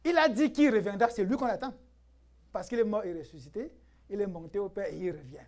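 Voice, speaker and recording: A man's voice: high voice, brisk, a little mellow. Emphatic male pastor preaching to his church. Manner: emphatic, rhetorical questions, laughs often. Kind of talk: preaching a sermon.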